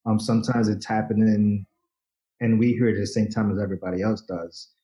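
A Dominican photojournalist in his forties chats loosely as a guest in a casual interview, full of fillers, restarts and offhand swearing. His warm voice is fairly low and steady, a little fast, and the recording is rough.

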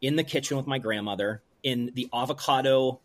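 In an interview, this man, who runs a brewery in rural Pennsylvania, recounts something personal. His delivery is sincere yet hesitant, packed with restarts, and his voice sits in the middle range.

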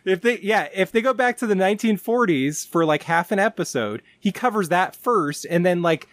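A man's voice: high-pitched, animated, normal speed, fairly bright tone, no room sound. A man hosting a podcast in casual chat, laughing often and poking fun at himself. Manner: laughs often, self-deprecating. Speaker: podcast host.

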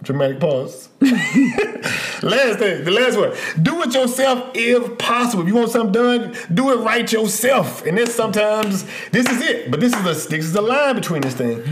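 An animated man in casual podcast chat, his voice sitting a little high and swinging widely in pitch. He laughs often and drifts into playful stories as he talks with his co-host. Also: normal speed, a little hiss or hum.

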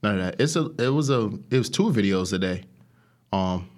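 A man's voice: fairly low pitch, lively intonation, brisk, darkish tone. A man hosting a podcast, chatting casually with friends in slangy, profane talk and repeating his phrases. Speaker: podcast host. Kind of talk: casual chat among friends.

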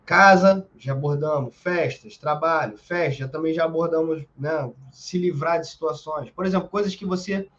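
A man with a Brazilian accent teaching self-defense in a casual, emphatic way, full of slang and quick "right?" checks. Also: fairly high pitch, fairly bright tone, highs cut off. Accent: Brazilian Portuguese. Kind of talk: informal spoken lesson.

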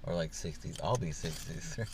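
This young podcast co-host sits in a parked car making casual conversation, rambling and leaning on fillers. He speaks at a normal speed in a low voice with lively intonation, and there's background noise.

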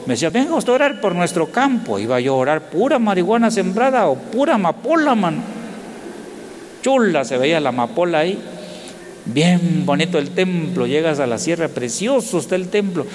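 Mexican pastor preaching in a reverberant hall. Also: male voice, a little high, big pitch swings, normal speed. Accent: Mexican Spanish. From Oaxaca, Mexico. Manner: storytelling, rising to loud indignant exclamations. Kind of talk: sermon. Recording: long hall reverb, faint noise.

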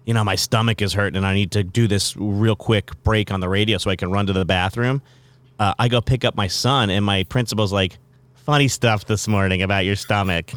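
A man's voice: on the low side, fairly even intonation, brisk, fairly bright tone, dry recording. A man who hosts morning radio, chatting casually in an interview, rambling with lots of fillers and restarts.

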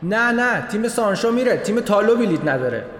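A man voicing a frantic man shouting urgently from across an airport. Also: sits high, big pitch swings, pitched above the performer's own voice. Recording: echoey hall from far off.

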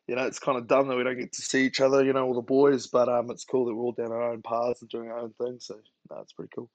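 A man's voice: medium pitch, completely flat delivery, fast talker, dry recording, rough recording. A young man with a broad New Zealand accent chatting casually as an interview guest, laid-back and slangy. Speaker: rugby player guest.

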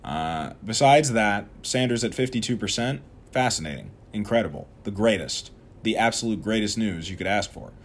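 A man hosting an opinionated political commentary show, talking straight to his viewers in a sarcastic, animated way. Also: on the low side, moderate pace, slight background noise.

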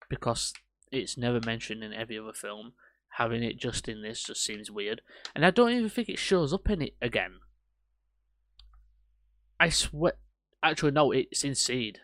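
A man's voice: mid-range voice, moderate pace, long pauses, no echo. A man, hosting a casual podcast that reviews films, rambling and swearing casually. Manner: rambling, swears casually, animated when ranting. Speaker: podcast host. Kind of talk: casual film review chat.

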